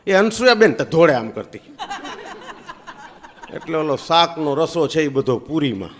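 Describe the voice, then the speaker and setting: Teasing comedian man, lively storytelling. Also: moderate pace. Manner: chatty and teasing, with big swings in pitch and loudness. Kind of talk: stand-up comic storytelling.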